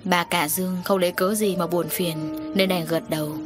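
A woman narrating an audiobook story in a steady storytelling voice. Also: fairly low pitch, normal speed. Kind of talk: scripted narration. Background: faint music.

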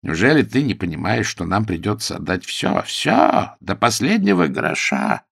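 A man's voice: low-pitched, huge pitch swings, normal speed, creaky, a bit bright, husky, dry recording, studio quality, exaggerated voice. A man playing a frantic, pleading fight manager. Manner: pleading, wailing, overwrought. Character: excitable, fussy middle-aged fight manager.

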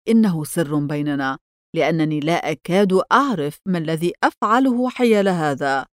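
A woman's voice: on the low side, no room sound, clean studio sound, natural voice. A woman reading the lines of a reserved middle-aged male lawyer in a storybook, in a grave, guarded manner.

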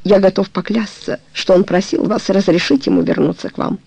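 A devoted man pleads for the woman's hand, soft at first and then heated and insistent, voiced by the audiobook reader. The voice is gravelly and dark, and it is recorded dry and close. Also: medium pitch, fairly even intonation, brisk, dry recording, poor audio. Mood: ardent.

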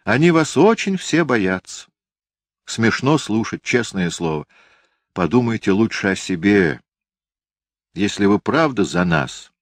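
A man's voice: lowish voice, no room sound, pitched above the performer's own voice. A man voicing a scornful ten-year-old boy. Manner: sardonic, dismissive.

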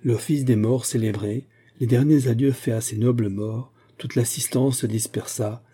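A man narrating a classic novel as an audiobook in a measured, even storytelling manner. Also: on the low side, breathy edge. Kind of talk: scripted literary narration.

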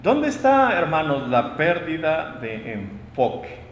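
A man preaching a sermon, emphatic, swinging between loud proclamations and quiet asides, recorded in a church hall. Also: on the high side, wildly swooping pitch, slow, a little hiss or hum.

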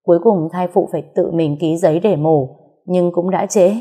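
A solemn hospital nurse who delivers her words slowly and gravely, as a woman storyteller reads her. Low, mellow tone. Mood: somber. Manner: slow, somber.

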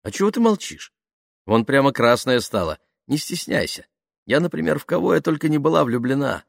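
A man reading an audiobook, voicing a bold, gossipy teenage girl with a lively, blunt manner. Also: medium pitch, a little fast, vocal fry, no room sound, clean studio sound, pitched above the performer's own voice.

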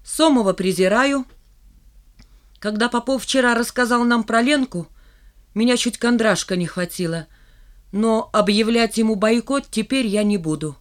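A reader voicing a shy red-haired schoolboy who turns defiant in an audiobook, emotional and near shouting. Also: medium pitch, lightly acted. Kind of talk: audiobook character reading.

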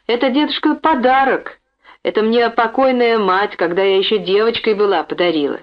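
A woman's voice: a little high, normal speed, voice pushed up, close to an everyday voice. A polite teacher and mother pleading with a stubborn stranger, raising her voice to be heard, as a woman narrator reads her. She sounds earnest and insistent. The recording is dull and lo-fi. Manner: pleading, raised voice.

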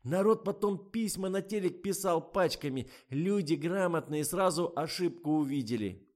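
A man's voice: a little high, animated, moderate pace, a little mellow, voice pushed up, natural voice. A man voicing a chatty, gossiping young woman, telling stories eagerly.

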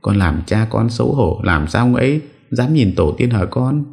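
Guy putting on an old mom in an audio story, wailing, scolding, pitched way up over his deep voice. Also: lively intonation, normal speed, creaky, darkish tone. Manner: wailing, reproachful. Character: elderly mother, grieving and scolding her son.

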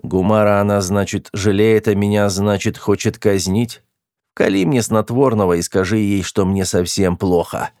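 Male reader as sly lazy spaceman, slow and complaining, a bit low; dry room. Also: fairly even intonation, a little mellow, no echo, lightly acted. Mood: whiny. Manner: whiny, put-upon and sly.

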